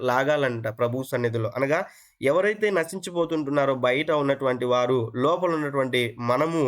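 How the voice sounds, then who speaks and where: A man preaching an interactive sermon who asks his listeners questions, repeats phrases, and mixes English words into his speech. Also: mid-range voice. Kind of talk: interactive sermon on an online call.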